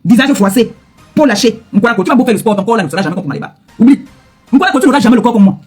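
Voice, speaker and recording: A middle-aged woman fires off a heated, confrontational rant at breakneck speed. Her voice is husky and a little breathy, and she keeps hammering the same retorts. Faint music runs underneath. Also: on the high side, animated, very fast, a little mellow. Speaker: social media influencer. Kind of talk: angry direct-to-camera rant.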